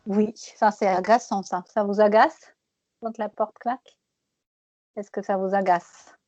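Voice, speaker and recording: A woman teaching French pronunciation one-on-one, patiently repeating words slowly and laughing often. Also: medium pitch, steady tone, darkish tone, no room sound, lo-fi sound.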